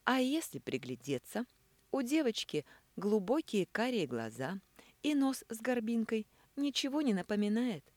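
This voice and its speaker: A woman's voice: fairly high pitch, very animated, normal speed, darkish tone, no room sound, pitched above the performer's own voice. A woman voicing a vengeful, scheming woman who taunts in a sugary, cold tone, reading an audiobook. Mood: taunting.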